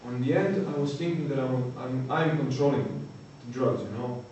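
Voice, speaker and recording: Croatian man, halting talk in an echoey hall. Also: mid-range voice, dark tone, dull audio. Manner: halting, searching for words, frequent "you know". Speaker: recovering addict giving testimony. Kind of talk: personal testimony talk. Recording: echoey hall, distant mic, faint noise.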